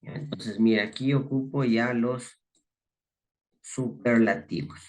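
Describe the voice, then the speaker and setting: Male teacher, unhurried, patiently spelling out rules. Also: medium pitch. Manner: slow, methodical, repeats rules step by step. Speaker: English teacher. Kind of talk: slow classroom explanation.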